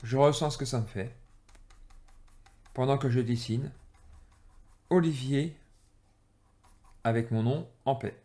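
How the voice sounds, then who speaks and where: A man at a middle pitch talks through a drawing exercise step by step. He speaks in a halting way, full of pauses and fillers, and sounds drained and irritated. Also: dark tone. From France. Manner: halting, many fillers and restarts. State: low-energy, irritated. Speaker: energy-healing teacher. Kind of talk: explaining while drawing.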